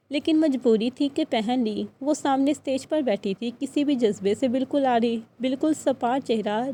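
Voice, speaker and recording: A woman narrating an audiobook novel in a steady, even reading voice, speaking every character's lines herself. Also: a little high.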